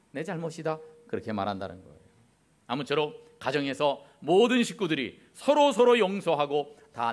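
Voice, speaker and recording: A middle-aged man preaching a Sunday sermon as pastor in a church, acting out little family quarrels as he goes. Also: medium pitch. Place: church sanctuary.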